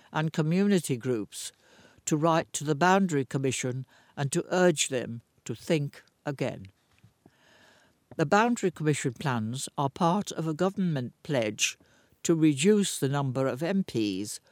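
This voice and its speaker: A man reading local news stories aloud in a slow, deliberate way, with the odd dry aside. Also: fairly high pitch, dry recording. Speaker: news reader.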